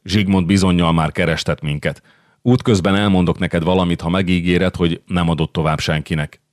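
A frightened young nobleman pleads for help in an anxious, confiding tone, as a male audiobook reader voices him. The voice sits very low and sounds dry and close. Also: steady tone, dry recording, lightly acted. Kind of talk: audiobook character reading.

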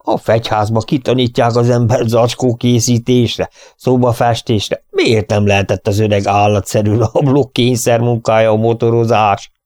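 A man's voice: mid-range voice, level tone, a little mellow, no room sound, studio quality, close to an everyday voice. A man reading an audiobook, voicing a vain, fussy stage actor who is theatrical and self-pitying.

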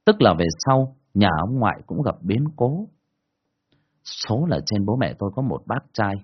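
A man telling a first-person ghost story in a colloquial, earthy, expressive way, in a dull lo-fi recording. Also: fairly low pitch, a little slow, breathy edge.

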